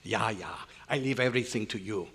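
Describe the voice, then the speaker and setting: Again the grumbling old scientist, with his inverted, foreign-style phrasing, is played live in a convention's hotel meeting room as part of an old radio drama revival. This time the male voice is lowish, fairly quick, fairly bright and slightly rough, and the mood is exasperated. The hall gives an echoey sound, and beneath the crankiness lies fondness.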